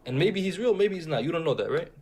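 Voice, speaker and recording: This caller is a young Syrian-born man raised near Detroit, with a slight Arabic accent, joining a casual debate. Against a noisy background, his slightly high, expressive voice races along as he rambles and insistently repeats his points.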